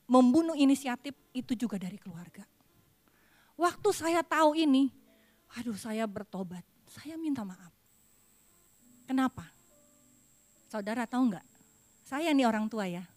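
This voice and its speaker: A fairly high-pitched middle-aged woman delivers a confessional sermon at a church pulpit, her tone shifting from loud emphasis to quiet apology.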